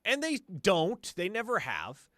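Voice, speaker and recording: A man co-hosting a sports radio show, talking in an animated, emphatic way with a lively, swooping pitch. His delivery is wordy and energetic. The studio sound is dry and close. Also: measured pace, dry recording.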